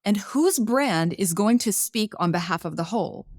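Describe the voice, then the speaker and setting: A woman's voice: medium pitch, animated, normal speed, darkish tone, no room sound, studio quality. A woman hosting a business podcast, explaining ideas in a coaching tone, asking rhetorical questions and interviewing guests. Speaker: podcast host.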